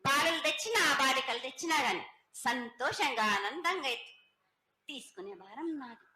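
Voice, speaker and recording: A high-pitched woman's voice rings out with heavy echo. She speaks as a festival oracle in a prophetic trance, incantatory and repetitive, with a bright, forceful tone. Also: animated, moderate pace. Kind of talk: prophetic trance chant and pronouncement.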